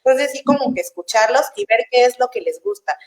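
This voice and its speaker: A young woman talks casually about raising children, chatty and quick to laugh. Her voice sits a little high. The sound is roomy and echoey. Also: expressive. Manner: warm, chatty, laughs easily, acts out parents' voices. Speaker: child development specialist guest. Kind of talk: casual explanatory talk. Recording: echoey room.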